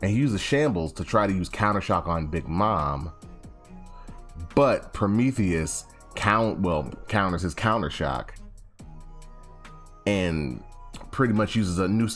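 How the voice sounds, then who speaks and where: A young anime chapter reviewer casually recaps a comic chapter, slangy and rambling, frequently correcting himself and acting out quotes. His low voice is animated and fairly bright, a little slow. Faint music plays behind him.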